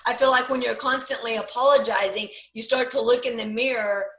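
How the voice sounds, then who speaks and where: A woman podcast host who speaks emphatically and with passion. Her voice is fairly high with a gravelly fry, and it echoes in the room. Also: fairly even intonation, brisk, fairly bright tone. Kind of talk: casual podcast conversation.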